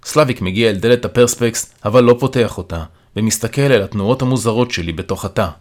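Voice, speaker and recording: A man narrating an audiobook in the first person with a calm, steady storytelling manner. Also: lowish voice. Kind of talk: first-person dramatic reading.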